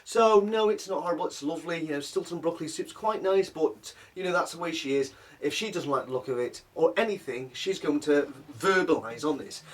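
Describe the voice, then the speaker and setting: A middle-aged man tells a personal story in a rambling, exasperated way, often stumbling and restarting. His voice sits a little high for a man. It is picked up from some way off the microphone. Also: a little fast, hardly any pauses, distant mic.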